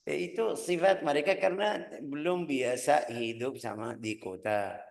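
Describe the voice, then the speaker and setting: A man explains a hadith in an informal lesson, full of animated asides. His voice is gravelly and a little rough. The recording sounds echoey, as if made in a hard-walled room. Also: medium pitch, measured pace. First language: Arabic. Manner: animated, mimics loud shouting, mixes in Arabic recitation. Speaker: sheikh teaching hadith.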